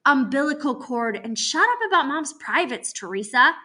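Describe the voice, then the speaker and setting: A woman's voice: sits high, expressive, normal speed, sharp tone. A woman reading aloud, voicing a young boy who tinkers with gadgets and bosses his sister. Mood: lively.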